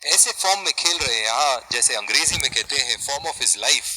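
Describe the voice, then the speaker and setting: A man giving emphatic, analytical Hindi cricket commentary in an excited game-broadcast style. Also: medium pitch, normal speed, a little hiss or hum, poor audio.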